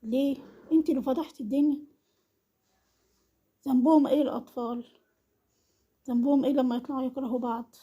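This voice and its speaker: A woman's voice: high voice, steady tone, quick pace, long pauses, warm tone, husky. A woman with an Egyptian Arabic accent who delivers a scolding monologue as a vlogger and repeats the same accusing questions again and again. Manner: reproachful, hammers the same accusing questions over and over. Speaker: vlogger commenting on an online family feud.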